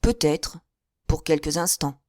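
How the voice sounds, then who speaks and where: A woman voicing a stern, authoritative gentleman who speaks firmly and briefly. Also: sits low, unhurried, no room sound, studio quality. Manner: firm and clipped.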